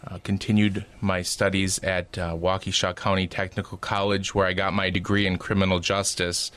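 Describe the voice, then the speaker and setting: Low smooth voice, late 20s guy from wisconsin, kinda hesitant, lots of uhs. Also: little pitch movement, normal speed, fairly bright tone. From Wisconsin, USA. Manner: hesitant, many uh and um fillers. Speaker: seminarian guest.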